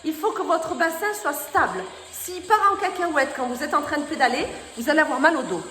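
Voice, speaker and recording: A woman leading a workout class as a fitness coach, energetic, pushing and encouraging, counting reps. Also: high voice, fairly quick, a little hiss or hum. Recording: very echoey hall with music.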